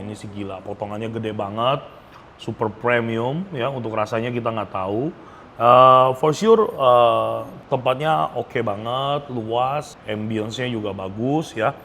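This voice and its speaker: A man with a mid-range, slightly bright voice gives a casual, enthusiastic food review to camera, often drawing out words for emphasis. Noticeable background ambience can be heard in the recording.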